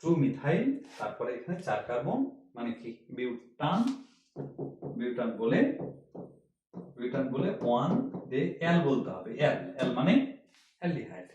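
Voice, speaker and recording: A man teaching a chemistry lesson with a fairly high voice. He walks through each step, repeats the key points and asks rhetorical questions. The room gives a clear echo. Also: a little mellow. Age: older. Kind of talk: classroom lecture.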